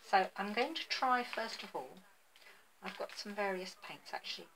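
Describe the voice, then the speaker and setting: Recorded on a phone at an indoor work table, a middle-aged woman gives a casual craft tutorial on painting garden ornaments, thinking aloud with many ums as she paints. Her voice is medium-pitched, fairly bright and lively at a normal speed. There's slight background noise and the recording quality is low.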